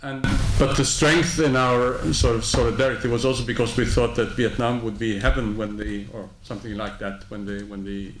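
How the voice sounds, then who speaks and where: A reflective older man answers from a panel, measured and thinking aloud with a few restarts. His mid-range voice echoes in a roomy hall, and noise is clearly audible behind him. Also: mid-range voice, fairly even intonation. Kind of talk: panel discussion reply.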